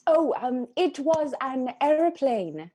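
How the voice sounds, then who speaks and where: A woman's voice: sits high, big pitch swings, takes it slowly, warm tone, exaggerated voice. A woman playing a polite, formal island housekeeper who hesitates with many ums.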